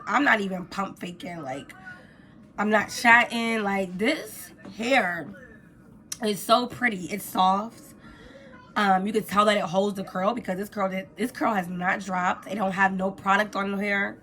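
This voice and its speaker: Hoarse woman chatting through a casual review. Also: medium pitch, fairly bright tone. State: hoarse from a cold. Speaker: beauty vlogger reviewing products.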